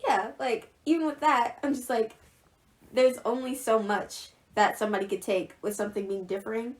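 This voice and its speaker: Teen girl podcast co-host, slightly high voice, chatty, giggly, filler-heavy. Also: fairly even intonation, moderate pace. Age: teens. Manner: chatty, laughs often, many fillers. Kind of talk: casual podcast chat.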